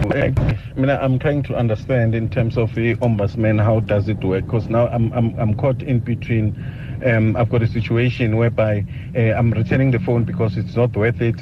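Give me a man leaving a voice message for a radio show, stumbling and repeating his words. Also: lowish voice. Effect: recorded voice message played on air. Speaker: caller leaving a voice note. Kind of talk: casual complaint. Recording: dull lo-fi voice note with noise behind.

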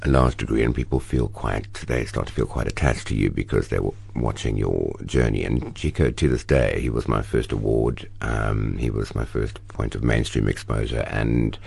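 Speaking in an interview conversation, this middle-aged South African man is an actor and guest who narrates stories vividly, breaking into animated bursts. His very deep, husky voice carries vocal fry, holds a moderate pace, and barely pauses.

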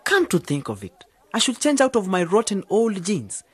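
A man's voice: high voice, huge pitch swings, moderate pace, husky, no room sound, exaggerated voice. An actor playing a nervous, clumsy young man who stumbles over his words in a radio drama. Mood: flustered.

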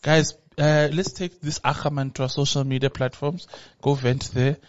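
A man's voice: a little high, level tone, moderate pace, lo-fi sound. A man in his thirties with a South African accent, chatting playfully and boastfully as a podcast co-host, a little rambling. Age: 30s. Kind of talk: casual chat.

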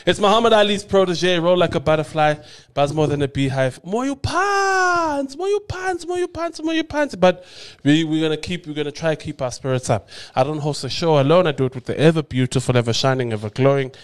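A man hosts a casual podcast. His voice is nasal and sits a little high for a man. He talks in a playful, rambling way and often restarts his sentences. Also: fast, few pauses, clear, resonant tone. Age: 30s. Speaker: podcast host.

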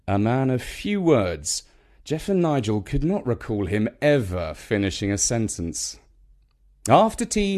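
A British-accented man reads a scripted children's story aloud, measured and expressive like a storyteller. His voice is medium in pitch.

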